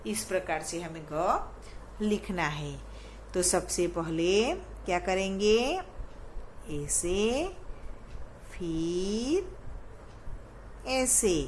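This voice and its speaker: Slow, patient woman teacher. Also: mid-range voice, slight background noise. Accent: Indian. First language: Gujarati. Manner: patient, repeats steps and checks understanding. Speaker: school teacher. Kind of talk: slow step-by-step handwriting lesson for young children.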